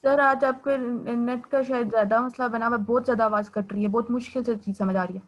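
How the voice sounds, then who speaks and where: A female student on an online class call, talking quickly and politely while her voice comes through breaking up over a weak connection. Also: a little high, fairly even intonation, lo-fi sound. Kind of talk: casual polite chat. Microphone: video call.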